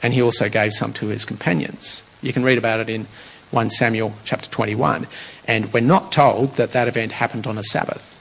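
A man's voice: mid-range voice, fairly even intonation, fairly quick, gravelly, fairly bright tone, rough recording. A man preaching a conversational, explanatory sermon, working through a passage verse by verse.

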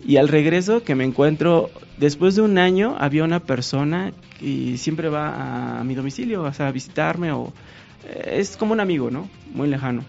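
A man's voice: on the high side, moderate pace, creaky, dull audio, soft background music. A man with a Mexican accent, a painter guest telling a story in casual talk and acting out what people said. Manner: animated, acts out quoted dialogue.

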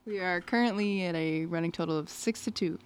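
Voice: mid-range voice, a little fast, smooth. A podcast host running a quiz game, upbeat and teasing, keeping the game moving. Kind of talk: casual game hosting.

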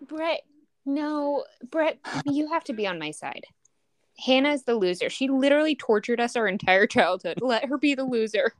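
A woman's voice: high-pitched, animated, dry recording. A young woman co-hosting a casual podcast, chatty and giggly. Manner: giggly, chatty, quick to exclaim. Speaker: podcast co-host, the skeptic.

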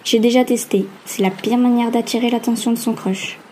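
A woman's voice: on the high side, steady tone, brisk, warm tone, slight background noise. Woman reading a first-person novel. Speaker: audiobook narrator. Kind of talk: scripted first-person narration.

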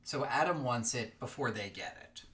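A man's voice: mid-range voice, expressive, moderate pace, fairly bright tone. A man co-hosting a fiction podcast, chatting casually with many fillers. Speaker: podcast co-host.

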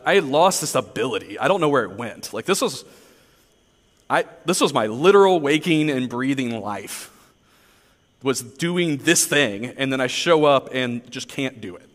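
A man's voice: medium pitch, a bit bright, big-room sound. A man preaching a sermon, telling personal stories in a conversational, earnest, self-deprecating way. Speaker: pastor.

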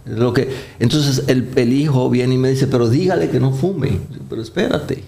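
A Colombian doctor, his slight accent softened by years in the Dominican Republic, talks through his career as a guest in a casual interview. His medium-pitched, dark voice carries vocal fry at a normal speed, full of fillers and restarts.

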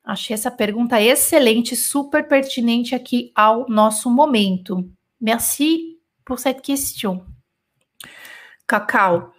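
Chatty Brazilian woman teaching French. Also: on the high side. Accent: Brazilian Portuguese. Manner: chatty, lively, repeats sounds to show rhythm. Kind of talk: live online lesson, answering chat comments.

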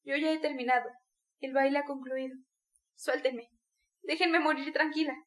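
A woman's voice: high-pitched, fairly even intonation, moderate pace, fairly bright tone. A woman voicing a dying mother in delirium, feverish and torn between pleading and rage, in an audiobook reading.

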